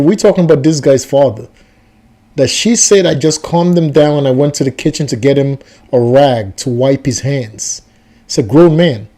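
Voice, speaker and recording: A man with a fairly high but dark-toned voice hosts a reaction video. His casual commentary is skeptical and rambling, and he repeats himself.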